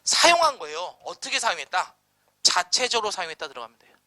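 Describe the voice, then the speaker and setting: Male lecturer, slightly high and very bright, dry close-miked sound; blunt, slangy, quizzing style. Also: big pitch swings, no echo. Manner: quizzing students with rapid rhetorical questions, blunt slangy asides. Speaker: history lecturer. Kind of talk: exam-prep lecture.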